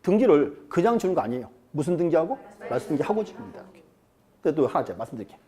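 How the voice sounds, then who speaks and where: The voice belongs to a man lecturing on real estate law, a little high and dark-toned, racing along with big swings in pitch. His teaching is conversational, with questions to students and quotes he acts out.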